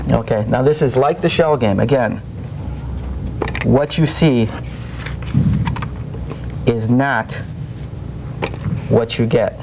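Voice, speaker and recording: A young man with a mid-pitched voice gives a demonstration in the patter of a shell game hustler. He instructs and challenges the onlooker as he goes. The old videotape recording has clear noise and a low rumble. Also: slow pace, long pauses. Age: young adult. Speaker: magician demonstrating street swindles as a guest. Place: small TV studio set, indoors, at a table.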